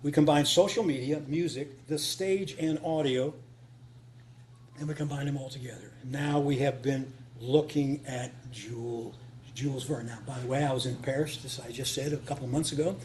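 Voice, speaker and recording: A writer of radio dramas speaks off the cuff at a conference, live before a small group in a meeting room, in a folksy style that repeats phrases for emphasis. His voice is a little high and darkish at a moderate pace, and the live recording has clear hum and noise.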